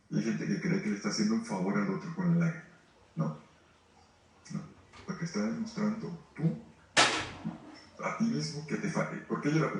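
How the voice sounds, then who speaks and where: A man preaching at a grief retreat, emphatic, asking rhetorical questions and addressing listeners directly. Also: medium pitch. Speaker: priest leading a grief retreat. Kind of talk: sermon. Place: formation house hall. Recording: very echoey, distant from the mic.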